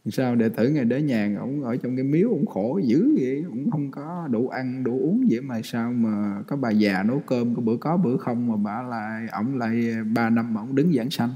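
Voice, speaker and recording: A man's voice: mid-range voice, dark tone, breathy edge. A Vietnamese-born man, a Buddhist monk, giving a folksy dharma talk to monastics, joking and laughing often. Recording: long hall reverb.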